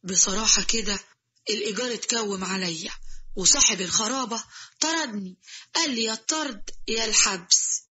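A woman's voice: medium pitch, brisk, sharp tone, breathy edge, highs cut off. A woman voicing a broke, sheepish male genie in Egyptian Arabic who pleads for a favor. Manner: apologetic, pleading.

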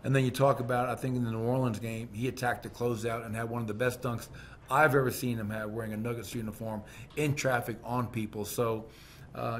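A middle-aged man with an average-pitched voice answers questions after a game, seated at a press-room table with a desk microphone. He talks candidly and conversationally, with plenty of fillers and restarts. A faint hiss sits under the recording. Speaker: basketball head coach. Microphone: desk microphone on a stand.

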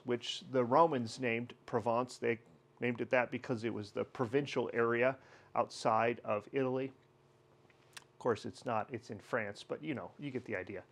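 A man hosting a wine tasting lesson, explaining in a relaxed, chatty way with pauses and fillers. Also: mid-range voice. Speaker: wine educator host.

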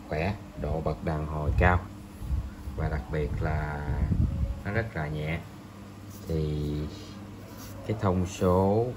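Slow, deep-voiced man. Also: background noise. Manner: slow, hesitant, many pauses and fillers. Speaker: fishing gear reviewer. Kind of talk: product review voice-over.

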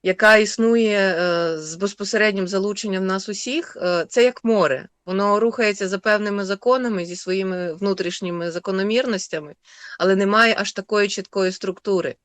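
A woman, the author of a text, talking thoughtfully on a radio show with many pauses and fillers. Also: mid-range voice, dry recording. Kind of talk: radio studio discussion.

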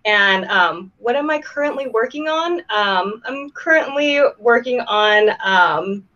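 A woman's voice: a little high, animated, takes it slowly, bright, forceful tone, dull audio. A young woman from Southern California, a panelist introducing herself on a video call, hesitant and full of ums. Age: young adult. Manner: hesitant, many ums and restarts.

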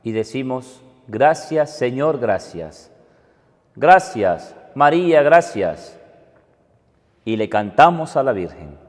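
Slow priest in cathedral echo. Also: male voice, mid-range voice, very animated. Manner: soft, measured, prayerful delivery. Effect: cathedral echo, long church reverb. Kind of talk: leading mass prayers. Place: large church. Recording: long church hall reverb.

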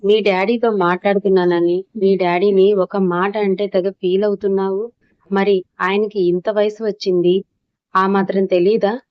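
Woman narrator doing angry young wife, storybook drama, flat delivery, dull dry sound. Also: mid-range voice, a little slow, dry recording, close to an everyday voice. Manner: shouting angrily. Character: young wife, hurt and furious.

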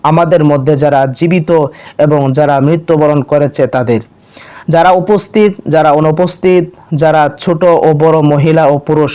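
Calm Bangladeshi man explaining prayers. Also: a little high, clean tone. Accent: Bangladeshi Bengali. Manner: slow, measured chanting of prayers between plain explanations. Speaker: religious instructor. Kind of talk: instructional video narration with recited prayers.

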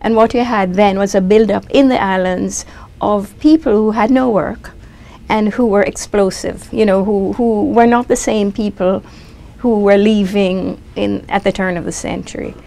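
Lady explaining history in an interview, bit of vocal fry, mid pitch, thinks out loud. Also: fairly even intonation, moderate pace. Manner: thoughtful, explanatory, with fillers and restarts. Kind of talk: documentary interview.

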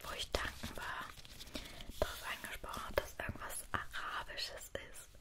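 A woman in her twenties speaking in a soft, breathy whisper, chatting casually in an unhurried, hesitant ASMR style close to the microphone. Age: 20s. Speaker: ASMR video creator. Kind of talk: whispered ASMR, casual personal chat to viewers. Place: small indoor room. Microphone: close stereo microphones on either side.

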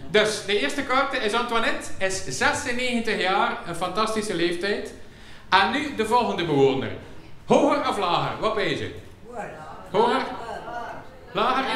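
A Flemish man doing comedy for care home residents, chatty and teasing, throwing questions at the audience. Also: high voice. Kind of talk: live comedy and game show banter with the audience. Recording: echoey hall with audience murmur.

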